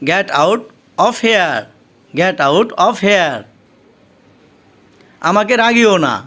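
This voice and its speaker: Very slow, high-pitched Bengali man drilling phrases. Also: animated, sharp tone. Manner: reads each phrase twice, very slowly and deliberately. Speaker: English teacher.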